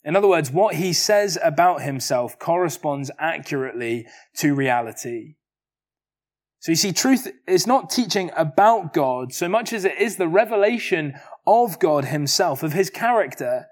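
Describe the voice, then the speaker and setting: A man preaching an expository sermon in an earnest, measured way, often pausing on rhetorical questions. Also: a little high, animated.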